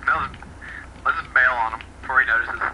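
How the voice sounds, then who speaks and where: A man's voice: medium pitch, brisk, pushed and bright. A young man chatting casually over voice chat while gaming, laid-back and blunt. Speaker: gaming partner. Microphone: voice chat mic. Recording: noisy voice chat audio.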